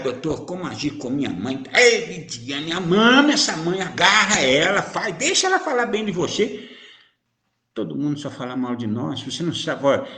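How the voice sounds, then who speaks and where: A man's voice: mid-range voice, a bit bright. A man giving informal spiritual teaching as a medium, teasing and chatty, full of rhetorical questions. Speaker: spiritist medium answering viewers. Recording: roomy echo.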